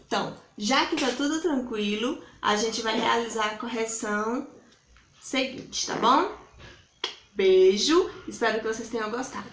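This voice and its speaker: A Brazilian woman teaching young children in a recorded lesson. She speaks slowly and patiently in a sing-song teacher's voice, set a little high. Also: fairly bright tone, a little hiss or hum. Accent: Brazilian Portuguese. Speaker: primary school teacher.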